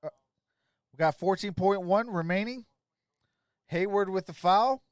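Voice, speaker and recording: Speaking at a measured pace, a man with a smooth, high-sitting voice handles play-by-play on a live sports stream. He chats informally with viewers, addressing them by name. The recording is dry and studio quality.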